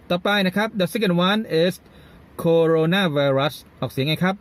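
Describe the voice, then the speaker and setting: A man with a Thai accent teaching English pronunciation, saying words slowly and repeating them for learners to echo. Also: a little high. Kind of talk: pronunciation lesson.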